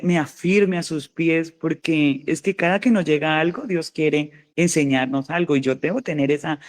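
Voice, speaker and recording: A woman preacher giving a fervent sermon testimony, repeating her exhortations and slowing down on key phrases. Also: low-pitched, darkish tone.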